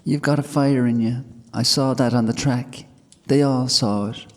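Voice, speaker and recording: A man's voice: mid-range voice, fairly even intonation, normal speed, pitched above the performer's own voice, natural voice. A man voicing a frightened young farm girl who fiercely protects her horse. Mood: pleading. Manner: pleading, breathless urgency. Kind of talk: storytelling. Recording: long hall reverb.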